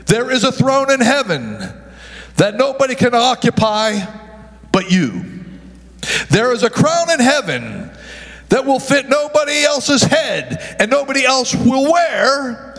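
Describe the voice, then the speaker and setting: Here a male pastor's extremely high, sing-song voice delivers a sermon at a measured pace with a fairly bright tone. He calls out to his congregation for responses, frequently tripping over words and fixing them. The church sanctuary gives a long, large-hall echo.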